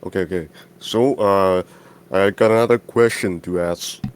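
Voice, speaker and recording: A man's voice: sits low, normal speed, clear, resonant tone. A man calling into a podcast, asking questions hesitantly with lots of fillers over a voice call. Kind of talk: casual chat on a voice call. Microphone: voice call mic.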